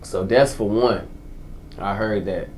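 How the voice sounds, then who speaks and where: Man in his twenties, casual slangy talk, repeats himself, lowish voice, faint background hiss. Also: slow pace, a little mellow. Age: 20s. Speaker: guest, formerly incarcerated entrepreneur. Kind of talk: casual interview answers.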